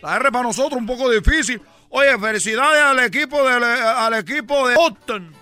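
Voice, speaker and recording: Man putting on a cocky baseball player, put-on caribbean accent, very high voice, bright and smooth, radio comedy bit. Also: normal speed, faint music behind. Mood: teasing. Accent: put-on Caribbean Spanish, dropping the R. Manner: brash, bragging, teasing, chuckling. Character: boastful cocky male baseball player, adult.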